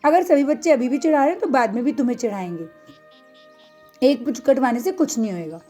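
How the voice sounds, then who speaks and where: A woman voicing a calm, firm mother mouse in a storybook tale. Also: high-pitched, a little fast, faint music behind.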